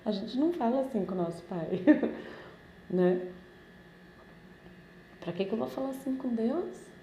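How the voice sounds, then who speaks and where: A woman with a Brazilian Portuguese accent talks a religious study group through a text in a casual way, often turning to her listeners for agreement. Her voice is warm and mellow. The recording has a roomy echo and a faint hiss underneath. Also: a little high, lively intonation, measured pace. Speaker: Spiritist study group leader. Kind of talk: informal religious study talk.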